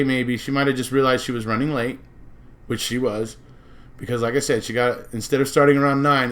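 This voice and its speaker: An American man giving a casual, speculative monologue as a true-crime commentator, rambling and circling back to repeat his points. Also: mid-range voice.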